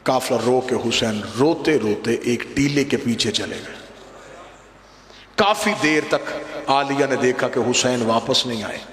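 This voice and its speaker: A man's voice: mid-range voice, unhurried, a bit bright. A man reciting a mourning sermon, telling a story in an impassioned, lamenting voice that swells into chant-like cries. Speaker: religious orator. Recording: echoey hall, long reverb.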